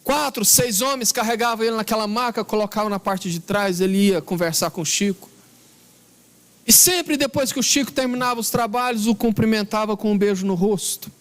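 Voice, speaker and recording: A man with a Brazilian Portuguese accent giving a spiritist lecture, telling a story in an earnest, emphatic way and slowing down on key words. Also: high voice.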